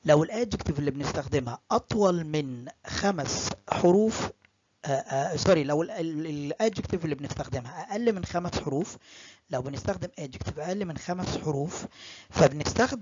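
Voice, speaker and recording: An English lecturer with an Egyptian Arabic accent, explaining grammar in a recorded lecture. The lecturer switches between Arabic and English and repeats examples slowly and often. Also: mid-range voice, expressive, slightly rough. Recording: dull, dry lo-fi recording.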